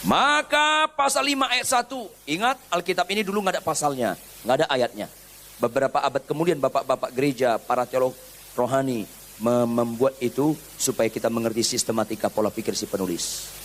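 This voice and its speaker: A man's voice: brisk, a little hiss or hum. A man preaching a sermon, acting out everyday stories and dropping into casual slang. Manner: animated preaching, acts out anecdotes with quoted voices, swings from low to loud; informal Jakarta slang mixed in. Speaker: pastor.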